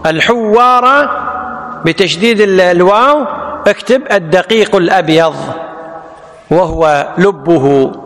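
A man's voice: sits high, a little slow. A man teaching a lesson, who repeats each word and quizzes his students. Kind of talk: classical Arabic text lesson. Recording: long hall reverb.

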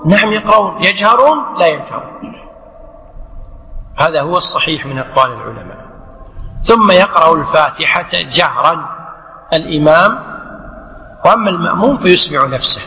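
A man's voice: fairly high pitch, expressive, brisk, long pauses, sharp tone. A man giving a religious lesson on prayer rulings, explaining with rhetorical questions and by acting out the imam and the worshipper. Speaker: Islamic scholar teaching. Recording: echoey hall reverb.

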